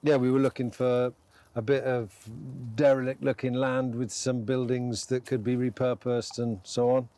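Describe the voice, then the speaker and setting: Relaxed, rambling male smallholder. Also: medium pitch, moderate pace. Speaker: small-scale farmer. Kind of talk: casual interview.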